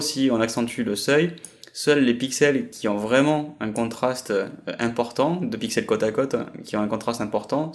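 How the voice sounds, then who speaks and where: Man explaining a software tutorial. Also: medium pitch. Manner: explanatory, with frequent hesitations. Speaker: software trainer. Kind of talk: screen-recorded tutorial.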